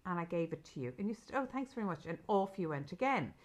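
This middle-aged Irish woman talks fast in a lowish, expressive voice while co-hosting a podcast with her daughter. Chatting casually, she recounts a story with emphasis and reproduces the dialogue word for word.

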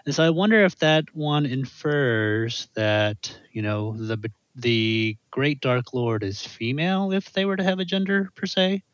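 A man's voice: mid-range voice, unhurried, few pauses, fairly bright tone, dry recording. A man with a medium voice muses over ideas on a book podcast, piling one thought onto the next. His mic sounds dull and lo-fi, and the room is dry and close. He drifts a little between ideas. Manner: thinks aloud, speculative. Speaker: podcast co-host. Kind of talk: casual book discussion.

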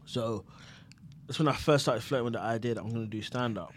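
A man's voice: medium pitch, fast talker. Young London roadman-accented man, noisy recording. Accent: London, urban roadman slang style. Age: young adult. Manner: slangy street talk with frequent "innit". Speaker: podcast guest. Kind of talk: casual interview chat, telling anecdotes.

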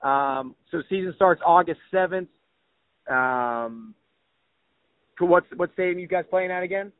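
A man's voice: sits high, measured pace, no room sound. A man hosting a casual podcast, upbeat and slangy, full of "like" and "dude". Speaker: podcast host. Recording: tinny phone-like audio, dry.

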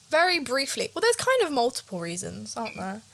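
A woman's voice: on the high side, huge pitch swings, normal speed, gravelly, fairly bright tone. A nervous young woman co-hosting a casual podcast, rambling and self-conscious as she chats. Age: young adult. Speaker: podcast co-host. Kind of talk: casual chat.

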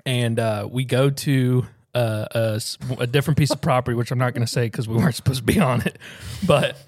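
A man's voice: medium pitch, fairly even intonation, a little fast, darkish tone, no room sound, studio quality. A young man hosting a podcast, telling a story in easygoing casual chat and laughing along the way. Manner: storytelling, laughs through his own tale. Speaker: podcast host.

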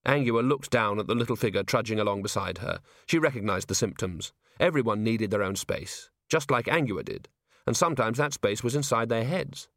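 A man reading an audiobook as its narrator in measured storytelling. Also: fairly low pitch, animated, a bit bright, no echo, clean studio sound. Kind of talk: scripted narration.

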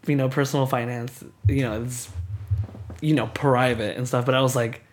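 A man's voice: mid-range voice, steady tone, normal speed, slight background noise. A man hosting a podcast, chatting casually and filling his talk with "like". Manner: chatty, filler-heavy with lots of "like". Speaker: podcast host. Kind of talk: casual chat.

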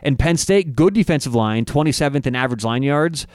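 A man giving a casual, stat-heavy breakdown of college football betting lines, often halting and restarting as he talks. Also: mid-range voice, expressive, a little mellow, no echo, studio quality. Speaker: sports betting analyst. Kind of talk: casual analytical sports chat.

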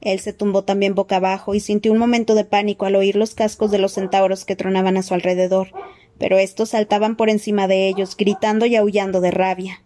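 A woman reading a fantasy novel aloud with dramatic, expressive storytelling. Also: mid-range voice, fairly quick. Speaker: audiobook reader. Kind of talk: expressive audiobook narration.

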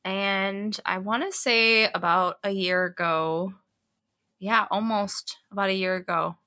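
A young woman co-hosts a relaxed podcast conversation, her voice bright and ringing. She tells family stories with animation, putting on little voices for her kids along the way. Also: mid-range voice, measured pace. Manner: animated storyteller, acts out her kids' voices. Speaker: podcast co-host. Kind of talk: casual chat, storytelling.

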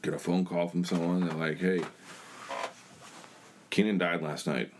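Very deep-voiced man telling his story. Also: little pitch movement, a little slow, noisy background. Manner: blunt, plain-spoken storytelling. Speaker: church member sharing his testimony. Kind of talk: personal testimony in conversation.

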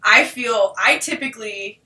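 A woman co-hosting a casual chat podcast, telling stories quickly and laughing often. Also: fairly high pitch, reverberant, recorded from a distance. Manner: animated, laughing, quick storytelling. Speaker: podcast co-host. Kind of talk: casual chat about astrology.

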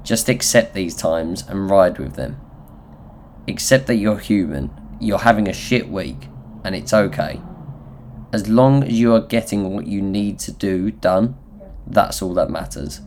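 Low-pitched nasal Essex man. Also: unhurried, darkish tone, slight background noise. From Essex, England. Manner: candid, self-deprecating, sweary. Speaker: podcast host. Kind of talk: solo motivational podcast talk, informal.

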